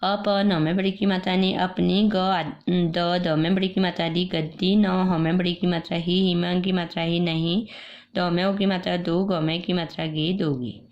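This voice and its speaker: A woman teacher with an Indian accent reads a children's story aloud, slowly spelling out each syllable and explaining words for young pupils. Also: fairly low pitch, flat delivery, darkish tone. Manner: slow, patient letter-by-letter spelling and explaining. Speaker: primary school teacher. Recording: dull lo-fi recording.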